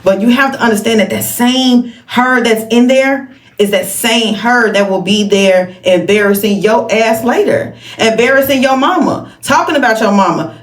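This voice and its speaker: A woman co-hosting a podcast, her voice sitting a little high as she makes her case bluntly and emphatically, leaning on drawn-out words for weight. The recording picks up a noticeably roomy echo around her. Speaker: podcast co-host. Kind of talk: casual opinionated chat.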